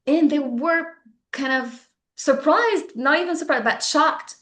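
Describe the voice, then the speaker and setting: A woman with a North African, Tunisian accent and native Arabic tells a personal story in conversation. Her voice sits fairly high, and the recording has a clearly echoey, roomy sound. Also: unhurried, a bit bright.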